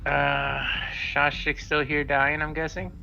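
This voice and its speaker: A man's voice: fairly high pitch, little pitch movement, takes it slowly, gravelly, bright, forceful tone. A man playing in a tabletop game, mumbling his moves in an offhand way. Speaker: player. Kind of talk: casual tabletop play. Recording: dull lo-fi mic with faint noise.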